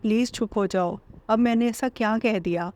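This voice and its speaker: A woman's voice: fairly high pitch, moderate pace, a little mellow, natural voice. A woman voicing a possessive, short-tempered young husband in a storybook narration, in her own everyday voice. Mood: pleading.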